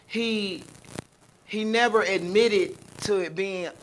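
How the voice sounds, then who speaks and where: A woman's voice: medium pitch, slow, a little hiss or hum, poor audio. A woman from the American South with a Southern drawl, hosting a casual live chat in a blunt, emphatic, profane way. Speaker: talk show host.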